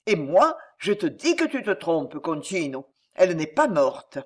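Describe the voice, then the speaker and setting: A woman's voice: sing-song, measured pace. Woman playing a jealous, menacing noblewoman. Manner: intense, low and cold, menacing. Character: fiercely jealous, passionate scheming noblewoman.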